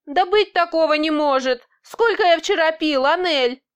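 A woman's voice: high voice, slow, a bit bright. A woman voicing a sarcastic, capricious male boss trapped in a woman's body, snapping and mocking in an audiobook. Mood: demanding.

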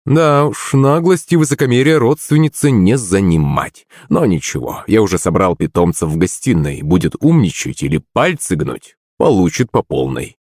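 A man narrating an audiobook in the first person, in a wry, expressive way. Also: low-pitched, normal speed, hardly any pauses, dry recording, studio quality. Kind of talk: scripted narration.

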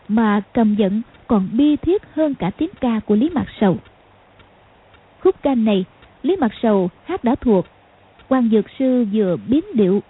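A woman with a slightly high, somewhat husky voice narrates an audiobook in a steady storytelling delivery. The recording is thin and phone-like. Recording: tinny phone-like sound.

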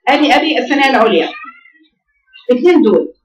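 A woman's voice: sits high, expressive, fast talker. A woman with an Egyptian accent teaching a tajweed class, scolding and drilling her students on sounds. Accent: Egyptian Arabic. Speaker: Quran recitation teacher. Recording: roomy echo, voice from far off.

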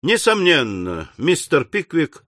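Male narrator, slightly high voice, unhurried and theatrical. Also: wildly swooping pitch, fairly bright tone, no echo, clean studio sound. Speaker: audiobook narrator. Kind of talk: scripted narration.

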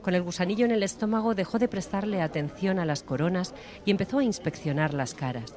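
A man narrating an audiobook in a steady, measured storytelling voice. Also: sits high. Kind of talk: scripted narration.

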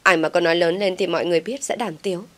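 A scheming young woman pleads through fake tears, playing the wronged victim, as a female narrator voices her. Her pitch sits on the low side. The delivery is a simple storybook reading. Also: fairly even intonation, racing, natural voice. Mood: pleading, sobbing. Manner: tearful pleading.

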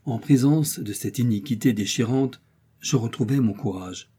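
A man reading a nineteenth-century novel aloud as an audiobook, in a measured, solemn way. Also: medium pitch, mellow, slightly rough. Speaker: audiobook reader. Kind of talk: scripted literary narration.

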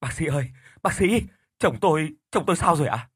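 A man's voice: lively intonation, fairly quick, fairly bright tone, breathy edge, dry recording, clean studio sound. A man putting on a frantic grieving wife. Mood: desperate. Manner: breathless, pleading, high-pitched. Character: panicked grieving wife, middle-aged woman.

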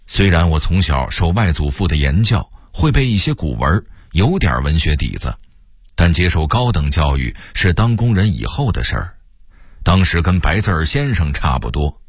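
A man's voice: sits low, very animated, moderate pace, husky, no echo, clean studio sound. A man in his sixties with a Beijing accent, reading a personal essay on the radio with a wry storytelling tone. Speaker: narrator.

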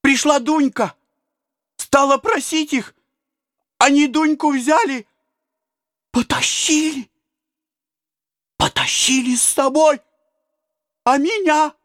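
Storybook role: a man doing a bloodied boy of twelve, very high, panicked, trembling. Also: takes it slowly, long pauses, a bit bright, dry recording, clean studio sound, full character voice. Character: terrified peasant boy, about twelve, bloodied.

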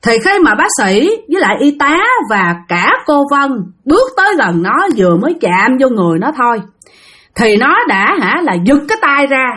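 Lively Southern Vietnamese woman storyteller. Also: high-pitched, husky. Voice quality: chatty, speaks directly to listeners. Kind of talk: spoken ghost-story narration.

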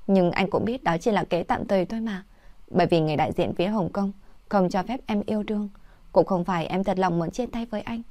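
A woman's voice: mid-range voice, fast, mellow, no echo, close to an everyday voice. A woman voicing a clingy, weepy young ex-girlfriend who pleads in tears, in a read-aloud story. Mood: tearful begging. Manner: pleading, tearful.

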